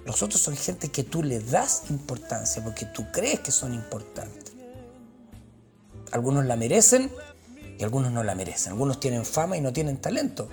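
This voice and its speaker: A man's voice: a little high, creaky, a little mellow. A man with a Chilean accent delivering a profane, slangy and sarcastic comic rant. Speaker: comedian.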